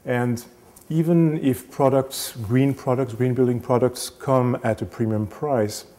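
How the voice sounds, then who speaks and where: A man in his thirties, a renovation specialist, giving a casual lecture to camera on a lapel mic, halting with many fillers and restarts. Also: mid-range voice, fairly even intonation, warm tone. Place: small indoor studio set.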